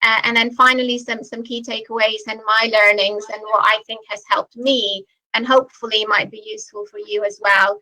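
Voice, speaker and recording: Woman, 40s, Albanian-born native speaker, executive keynote over video call; slightly high, bright, earnest. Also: little pitch movement, moderate pace, rough recording. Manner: earnest, reflective storytelling. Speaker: chief executive giving a guest talk. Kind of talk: personal keynote talk to students.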